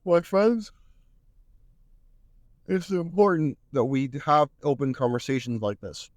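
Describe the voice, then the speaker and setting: A podcast host talks alone into the mic, earnest and a bit preachy, repeating "my friends" as he goes. His slightly high voice is animated but measured in pace, and it's wearing out and turning hoarse. The recording is dry and close, with no room sound.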